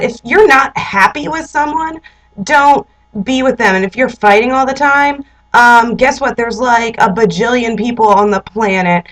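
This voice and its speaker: A woman's voice: on the high side, a bit bright, poor audio. A young woman recapping a TV episode in a chatty, sarcastic way, sitting indoors and using "like" constantly. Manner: chatty and sarcastic, heavy use of "like". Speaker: vlogger. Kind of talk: casual TV recap and advice.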